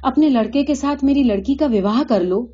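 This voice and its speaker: A woman's voice: high voice, dark tone, slightly rough, pitched above the performer's own voice. A woman reading as a pleading village mother. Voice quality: pleading, insistent. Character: anxious middle-aged village mother, insistent. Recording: dull lo-fi recording.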